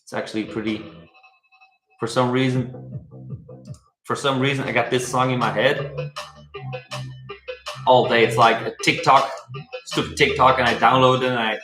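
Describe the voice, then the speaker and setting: A man's voice: medium pitch, steady tone, moderate pace, long pauses. Man, casual live-stream host, rambling, full of fillers, webcam sound, echoey room, faint music behind. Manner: rambling, chuckling, many fillers. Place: room at home.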